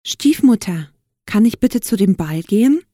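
A woman's voice: mid-range voice, expressive, a little slow, no echo, clean studio sound. Aschenputtel, a pleading young girl, put on by a woman. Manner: gentle, pleading. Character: downtrodden kind young girl, hopeful.

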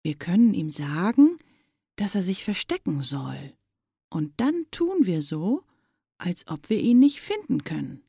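A woman's voice: on the low side, big pitch swings, measured pace, creaky, dark tone, husky, dry recording, clean studio sound, full character voice. A woman voicing a mean, mocking schoolboy bully in a storybook. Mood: scheming whisper. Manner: taunting, scheming.

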